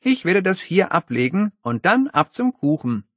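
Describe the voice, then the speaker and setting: A man's voice: sits high, sing-song, normal speed, a bit bright, no echo, clean studio sound, voice pushed up, exaggerated voice. A man voicing an earnest, polite, over-eager schoolboy in an audiobook, with a formal way of talking.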